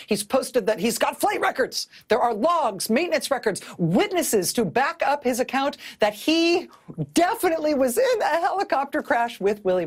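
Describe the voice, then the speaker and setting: A middle-aged woman delivers television news commentary with a slightly husky, breathy edge. Her pitch swoops and rises animatedly as she builds her point. The tone is wry and sardonic, recorded close on a clean studio mic. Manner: wry, sardonic, often laughing mid-sentence.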